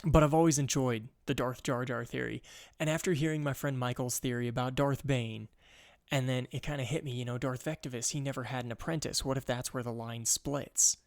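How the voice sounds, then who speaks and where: A man in casual voice-over, talking in a rambling, joking way and poking fun at himself. His voice sits at a middle pitch. The recording is dry and close, with no room sound. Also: steady tone, brisk, dry recording. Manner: rambling, joking, self-mocking. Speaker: channel host. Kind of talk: casual fan-theory voice-over.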